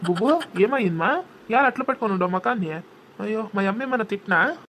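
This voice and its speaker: A woman's voice: medium pitch, animated, fast talker, fairly bright tone, a little hiss or hum. A woman voicing an easygoing young husband and son in a cartoon, coaxing. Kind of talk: cartoon voice acting.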